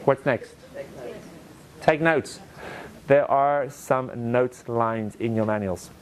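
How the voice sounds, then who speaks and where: A man teaching a presentation skills workshop to a live audience, animated and direct, acting out quotes in playful voices. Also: medium pitch, slow, a crowd in the background. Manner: direct, asks the audience to repeat lines to each other. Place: training room with a live audience.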